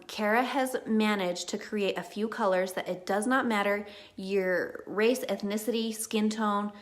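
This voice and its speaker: A woman who works as a makeup artist gives a live makeup tutorial in a chatty, reassuring way, wandering onto little tangents and murmuring soft asides under her breath. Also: medium pitch.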